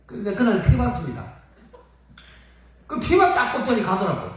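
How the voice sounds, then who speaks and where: An older male pastor preaches a storytelling sermon in a high-pitched, sing-song voice at a moderate pace, telling a folksy story and briefly acting out the people in it. A phone camera records him from a distance in an echoey hall.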